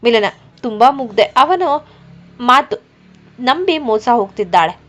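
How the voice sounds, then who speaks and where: A woman's voice: on the high side, lively intonation, measured pace. A woman reading the lines of a scheming male office boss who feigns honesty, falsely earnest, in a dull lo-fi recording. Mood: feigned concern.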